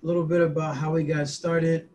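A man in his twenties, a youth activist, recounting events on a video call in a halting way with many fillers. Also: a little high, little pitch movement, a little mellow, a little hiss or hum, rough recording. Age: 20s. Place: small indoor room. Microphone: laptop webcam mic, group on one call.

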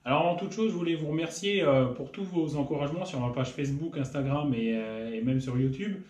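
A man hosting his own workshop channel, explaining machining in a casual technical tutorial, often pausing with fillers. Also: fairly high pitch, darkish tone. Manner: hesitant, many filler pauses. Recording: roomy echo.

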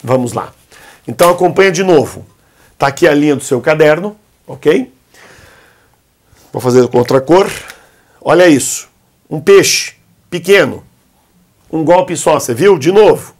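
A man teaching the alphabet at a whiteboard, whose first language is Arabic. He talks patiently and coaxingly, and says each letter's sound slowly so the learner can repeat it. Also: on the high side, expressive. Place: indoor classroom at a whiteboard.

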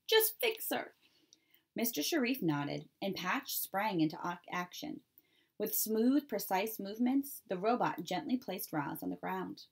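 A woman reading a children's chapter book aloud in a clear, steady storytelling manner. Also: mid-range voice. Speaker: reader.

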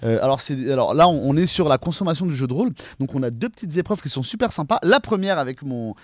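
A man's voice: on the high side, animated, quick pace, darkish tone, no echo, clean studio sound. A young adult man hosting a casual roundtable podcast, talking in a rambling way with lots of fillers and restarts. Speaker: podcast host.

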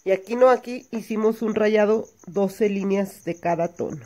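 A woman's voice: medium pitch, normal speed, a little mellow. A woman teaching hand embroidery step by step, patiently counting stitches aloud and checking in with her listeners. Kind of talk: step-by-step craft tutorial.

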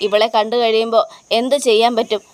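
A woman's voice: on the high side, level tone, fast talker, clear, resonant tone, natural voice. A woman voicing Devayani, a worried middle-aged mother in a retold family serial, pleading anxiously.

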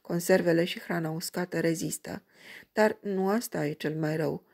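A woman voicing a practical, calm male barman at a roadside diner in a read-aloud story. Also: lowish voice, gravelly. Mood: matter-of-fact.

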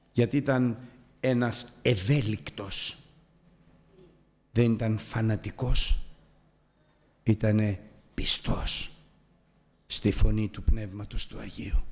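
Man, preacher, sermon, loud high outbursts, hushed prayerful asides.

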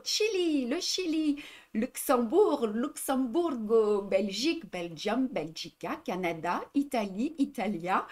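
Chatty French-accented woman, slightly high voice. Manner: chatty, reads out viewer comments, repeats herself in three languages. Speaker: embroidery shop host. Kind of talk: casual livestream chat.

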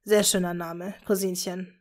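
A woman's voice: lowish voice, level tone, unhurried, darkish tone, pitched below the performer's own voice, close to an everyday voice. A woman voicing a polite young pureblood wizard who speaks courteously to his family.

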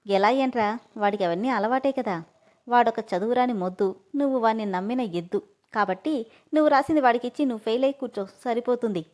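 A woman's voice: mid-range voice, brisk, darkish tone, lightly acted. A woman voicing a strict, bossy teenage boy who scolds and mocks. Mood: scolding. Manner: scolding, mocking.

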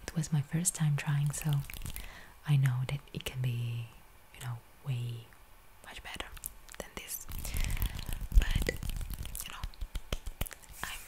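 A woman's voice: very deep voice, steady tone, warm tone, poor audio. Young woman whispering ASMR. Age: young adult. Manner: whispering, with rapidly repeated trigger words. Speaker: ASMR video creator and streamer. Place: small room at home, indoors. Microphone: close studio microphone.

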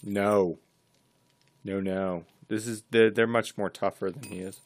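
A man's voice: on the low side, steady tone, a little slow. A man streaming a co-op game, chatting casually and reading facts aloud in a dry, matter-of-fact way. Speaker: gaming streamer. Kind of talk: casual co-op gaming chat.

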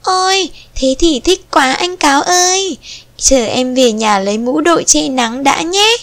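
A little storybook rabbit, put on by a woman reading aloud talks in a bright, high, eager voice. The delivery stays slow and careful, as if for small children. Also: animated, dry recording, full character voice. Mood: feigned delight. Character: small clever baby rabbit, excited.

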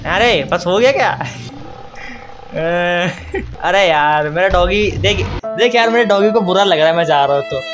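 A young man giving casual gameplay commentary as a gaming YouTuber, playful, teasing and excitable. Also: sits high.

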